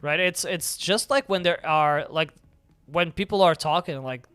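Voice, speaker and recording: A man's voice: a little high, measured pace, fairly bright tone, clear, resonant tone, no echo. A young man streaming a video game live, chatting casually and rambling with lots of filler words. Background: faint game music.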